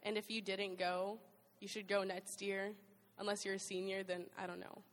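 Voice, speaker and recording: A teenage girl talks into a handheld mic at a youth church gathering, giggly and rambling, leaning on "like" between thoughts. Her voice sits at an ordinary pitch for a girl. A long reverb from the big hall trails behind her words. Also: flat delivery, moderate pace, background noise. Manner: giggly, rambling, heavy use of "like". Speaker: youth group member sharing testimony. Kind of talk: casual spoken testimony.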